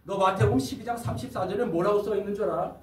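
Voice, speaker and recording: A preacher voicing a gruff male death-row prisoner who bullies cellmates into faith, in an echoey hall from a distance. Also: high-pitched, racing, close to an everyday voice. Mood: scolding. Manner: bossy, scolding, threatening.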